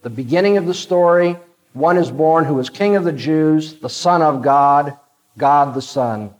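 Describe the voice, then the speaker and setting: Man preaching with measured emphasis. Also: on the high side, poor audio. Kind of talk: sermon with scripture reading.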